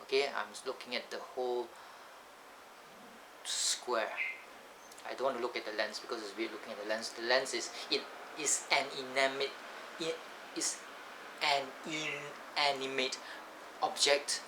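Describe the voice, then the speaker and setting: A Malaysian English-accented man rambles through a casual vlog, drifting off topic and correcting himself often. He speaks a little slowly with flat delivery. Captured on a camcorder's built-in mic, his voice sounds thin and bass-light, with clear background noise in the audio.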